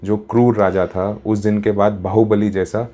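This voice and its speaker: A man's voice: lowish voice, flat delivery, normal speed, mellow. A man telling a story in a casual, chatty way, mixing in English words, as a storyteller and happiness coach.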